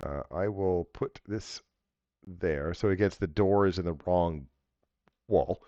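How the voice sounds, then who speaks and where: A man with a fairly low voice runs a tabletop game as game master. He narrates and referees casually, joking and cursing now and then. The recording is dry and somewhat dull. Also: takes it slowly, dark tone, dry recording. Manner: casual, jokey, swears. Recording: dull lo-fi audio.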